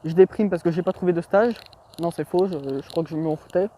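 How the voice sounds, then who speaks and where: A man's voice: high voice, fairly even intonation, fast, warm tone, a little hiss or hum. A young man telling anecdotes in a rambling, slangy, self-mocking vlog, full of hesitations. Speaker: vlogger. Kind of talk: casual storytelling vlog.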